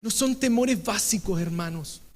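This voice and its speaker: A man with a Chilean accent preaching a sermon as pastor, dropping to a hush and then rising to shouted emphasis. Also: sits high, moderate pace. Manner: dramatic swings from hushed to shouted emphasis. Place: church hall. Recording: long reverb of a church hall.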